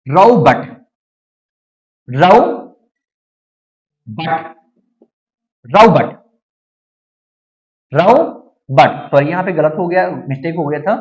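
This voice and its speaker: A man teaching English pronunciation as a spoken lesson, repeating each word slowly several times and asking and answering his own questions. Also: high-pitched, poor audio.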